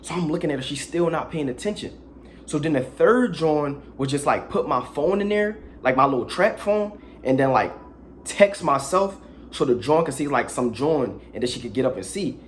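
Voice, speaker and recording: A man's voice: a little high, moderate pace. Young philly guy telling a crude story, voice jumping all over, bit of hiss behind. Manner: animated, crude, slangy storytelling with dramatic asides. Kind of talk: casual storytime vlog.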